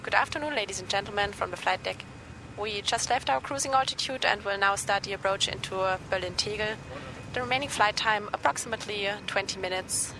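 A woman's voice: mid-range voice, a little fast. A woman in her twenties, an airline first officer, making a formal pilot announcement over the aircraft cabin speakers. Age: 20s. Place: aircraft in flight. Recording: distant voice over loud engine noise. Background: engine and cabin noise.

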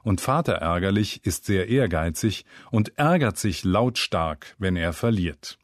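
A deep-voiced man unhurriedly narrates a scripted humorous story, wry in tone and lively in intonation, like a storyteller. He's miked close in a studio, leaving no room sound.

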